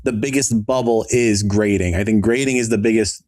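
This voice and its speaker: A man's voice: fairly low pitch, steady tone, a little mellow, no echo, studio quality. Laid-back male podcast co-host. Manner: laid-back, halting, repeats words. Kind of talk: casual podcast chat.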